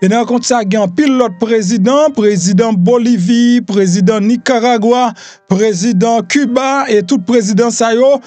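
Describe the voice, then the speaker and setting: A man's voice: very high-pitched, a little slow, warm tone, no room sound, faint music behind. A Haitian man hosting a news rundown, reading headlines loosely with frequent fillers. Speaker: news host.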